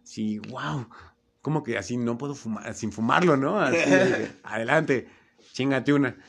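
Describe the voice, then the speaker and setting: A young man's voice, mid-range, gravelly and husky, moves at a moderate pace. Speaking with a Mexican Spanish accent, he tells funny stories in casual chat, laughing animatedly and acting out voices.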